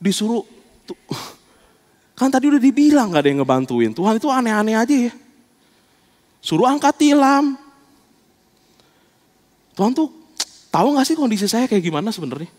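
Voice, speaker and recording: A man's voice: extremely high pitch, very animated, moderate pace, pauses often, darkish tone, long reverb tail, pitched above the performer's own voice, exaggerated voice. A man voicing a stubborn, disbelieving paralyzed man who complains. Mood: grumbling. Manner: complaining, incredulous.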